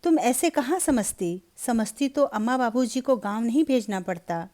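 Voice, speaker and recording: Woman reading a calm young husband. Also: fairly high pitch, normal speed, lightly acted.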